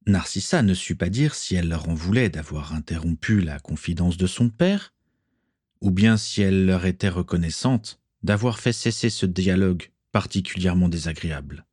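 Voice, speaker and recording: A man reading a story aloud as narrator, steady and measured. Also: low-pitched, breathy edge, no room sound, clean studio sound.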